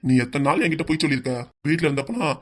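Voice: mid-range voice, animated, very fast, natural voice. A performer voicing a stubborn, teasing older father-in-law with a mocking, bossy manner in a cartoon.

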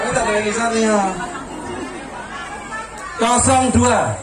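Booming high-pitched Javanese-accented male prize announcer. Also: steady tone, slow pace. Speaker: prize draw announcer, emcee. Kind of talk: live doorprize announcing to a crowd. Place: outdoor stage at a community event. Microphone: handheld PA microphone, filmed from a few metres. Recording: echoey outdoor PA, distant mic, noisy crowd. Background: large crowd noise.

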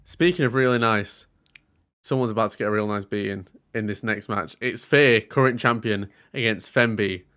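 A man co-hosting a casual game stream, calling wrestling matches with excitable play-by-play and dry jokes. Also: fairly low pitch, normal speed. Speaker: co-host and wrestling commentator.

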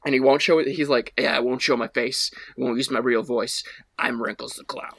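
A man in his twenties, co-hosting a podcast over a video call from a small room at home, casually rambles through a story with friends, peppering it with "like." His medium-pitched voice is steady and brisk, gravelly yet fairly bright, with a breathy edge and no echo.

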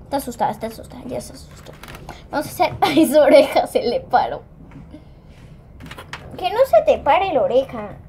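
Giggly, high-voiced woman vlogger. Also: moderate pace, pauses often, slight background noise. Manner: giggly, excitable, chatty with viewers. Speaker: pet vlogger. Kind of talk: casual home vlog.

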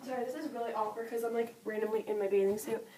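A young woman talks into her camera at home, chatting through a shopping haul. Her voice sits a little high, and she peppers her talk with "like" and quick giggly asides. A faint hiss sits under the recording. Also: steady tone, dark tone. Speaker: vlogger. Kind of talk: casual haul vlog.

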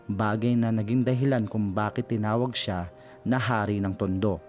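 A man narrating a true crime story in a steady, measured scripted voice-over for an online channel. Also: fairly low pitch.

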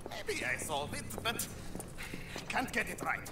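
High-pitched eccentric mad professor. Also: male voice, sing-song, sharp tone, exaggerated voice. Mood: condescending, impatient. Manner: halting, muttering, condescending. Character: eccentric mad professor, arrogant, excitable foreign male inventor. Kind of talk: video game character acting. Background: game ambience.

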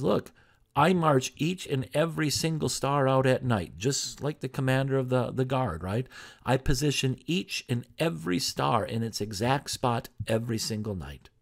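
Gravelly-voiced man preaching conversationally. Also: mid-range voice. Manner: conversational preaching, rhetorical questions. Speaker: pastor. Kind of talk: sermon.

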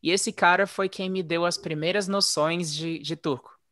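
Man with a slightly high, dry voice. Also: moderate pace, no echo. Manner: relaxed, chatty, frequent "né?" tags. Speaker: interview guest, former English teacher living abroad. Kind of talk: casual conversational storytelling.

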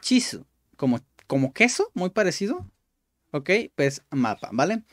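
Male gamer, relaxed tutor-style commentary, repeats and explains words, dry booth sound. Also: on the high side, a little slow, dry recording. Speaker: gaming YouTuber. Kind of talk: casual gameplay commentary.

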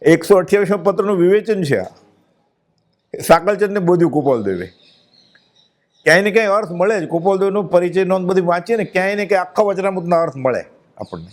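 A man with a Gujarati accent giving a devotional discourse, chanting verses slowly and then explaining them in plain speech. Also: high-pitched, lively intonation. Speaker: spiritual discourse speaker.

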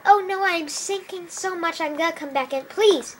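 A woman's voice: very high voice, normal speed, a bit bright. A woman voicing characters in a homemade game roleplay, hopping between goofy, playful voices. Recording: noisy home recording.

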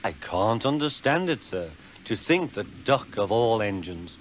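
Cast: sly oily diesel engine, voiced by a male narrator, slow, falsely humble. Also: on the low side, big pitch swings, a little hiss or hum. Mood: falsely grieved.

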